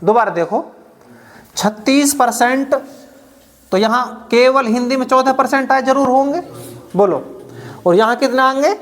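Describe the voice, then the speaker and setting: A man's voice: extremely high pitch, normal speed. A man teaching an exam-prep math lesson, counting out each calculation aloud step by step and often checking that the class has understood.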